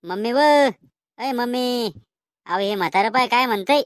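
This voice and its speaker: A woman's voice: fairly high pitch, normal speed, fairly bright tone, no room sound, studio quality, soft background music, lightly acted. A woman voicing a cheeky, mocking young grandson in a cartoon comedy, with a Vidarbha Marathi accent and a teasing way of talking.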